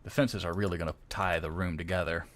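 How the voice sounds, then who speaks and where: A man's voice: sits low, fairly even intonation, quick pace, a bit bright. A man streaming himself modding a game, casually thinking aloud as he works, muttering little sound effects and poking fun at his own mistakes. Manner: rambling and self-deprecating. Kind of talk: casual live-stream commentary.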